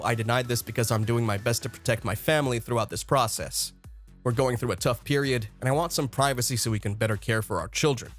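A man reading a scripted celebrity gossip narration in a steady, even read-aloud delivery. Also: medium pitch. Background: faint background music.

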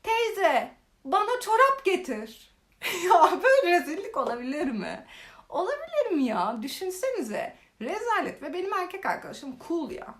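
A young woman casually telling funny stories in a vlog, animated and exaggerated. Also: very high-pitched, moderate pace. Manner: animated, exaggerated retelling with laughs. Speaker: vlogger. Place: living in Korea.

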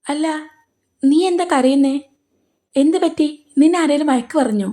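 Brief: woman doing an anxious middle-aged dad, worried questions, mellow tone. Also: high-pitched, normal speed, pitched above the performer's own voice, close to an everyday voice.

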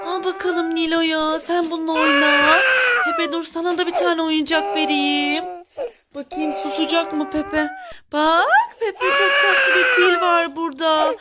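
A woman with a very high, piping voice plays with baby dolls and fusses over them in a motherly, sing-song way. She talks slowly and takes her time. Loud background noise runs under the whole recording. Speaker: toy play video host. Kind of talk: toy play narration, talking to baby dolls.

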